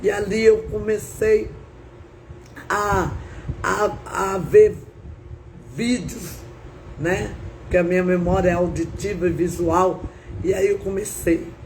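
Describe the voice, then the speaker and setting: A woman preacher shares her testimony on a live stream, drawing her words out slowly. She tells it with feeling and drama and keeps breaking in with praise, over a faint hiss behind her. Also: medium pitch, a little mellow, low-quality recording. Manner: dramatic, repeats praise phrases. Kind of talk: emotional testimony sermon.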